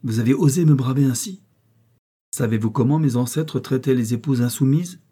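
Haughty prince, stern and harsh, low dark husky tone, read by a male narrator. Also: quick pace. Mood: menacing. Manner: stern questioning, rising to harsh threats. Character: cold, haughty aristocratic prince, a young husband.

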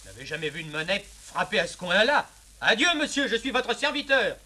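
A man's voice: sits high, very animated, a little fast, pushed and bright, heavily acted. An actor playing a sly, scheming male valet in a 1950s classical stage comedy, wry and theatrical. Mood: mocking. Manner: wry, theatrical, relishes his own cleverness.

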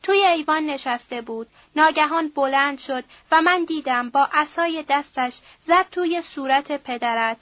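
Woman narrator voicing a grieving mother, pleading, high-pitched, dry close sound. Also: few pauses, no echo, highs cut off, natural voice. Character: grieving middle-aged mother, widowed and frightened.

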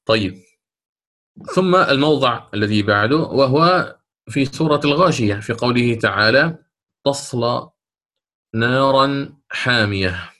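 A man teaching Quran recitation rules. He explains them step by step, drawing out the recited examples slowly and often checking with his students. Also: medium pitch, lively intonation, a bit bright. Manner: slow, drawn-out recitation of examples between plain explanation; asks check questions of students. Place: lesson recorded for an online institute.

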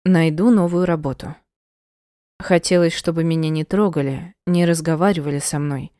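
Female audiobook narrator, mellow low voice, measured emotional storytelling. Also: fairly even intonation, no room sound, studio quality. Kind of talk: first-person audiobook narration.

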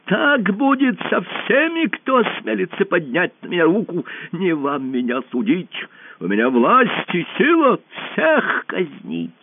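A man shouting as a furious usurper. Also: huge pitch swings, a little slow, a little hiss or hum, exaggerated voice. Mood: raging. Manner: shrill, raging shouts. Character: furious cruel male usurper. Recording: dry tinny phone-like sound.

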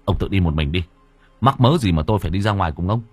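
A man voicing a gruff old grandfather who talks brusquely. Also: low-pitched, lively intonation, quick pace, a little mellow, no room sound. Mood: grumbling.

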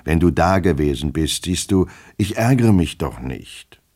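A man's voice: animated, measured pace, darkish tone. A man putting on a fretful, fussy old-world clerk. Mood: wheedling. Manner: anxious, shrill when scolding. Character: fretful fussy middle-aged male clerk.

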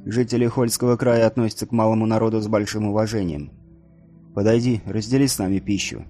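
A cautious northern elder brother, unhurried and measured, as a male narrator voices him. His voice is low and mellow, with soft music in the background. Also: close to an everyday voice. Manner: measured, calm.

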